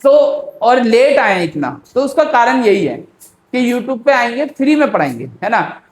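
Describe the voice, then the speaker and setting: A man teaching an exam-prep lesson in a chatty, unhurried way, often checking in with his students. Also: very high voice, sing-song. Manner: chatty, repeats tag questions, calls listeners "beta"; speaks slowly by habit. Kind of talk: casual exam-prep lecture. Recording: roomy echo.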